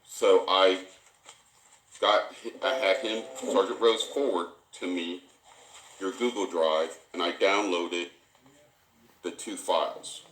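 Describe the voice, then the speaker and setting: Deep-voiced investigator on an echoey dictaphone recording. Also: male voice, steady tone, a bit bright, a little hiss or hum. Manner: halting, procedural, repeats himself. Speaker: police internal affairs interviewer. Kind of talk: formal recorded investigative interview. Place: indoor room. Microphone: tape recorder in the room.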